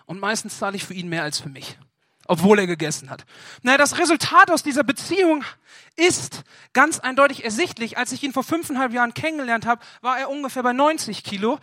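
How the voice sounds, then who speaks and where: A young man gives a playful sermon, acting out both sides of a phone call with a friend. His voice is bright and forward. The sound is close and dry, with hardly any room around it. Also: very high-pitched, brisk, dry recording. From northern Germany. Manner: animated storytelling, acts out phone dialogue with a friend. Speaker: preacher. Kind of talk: humorous sermon.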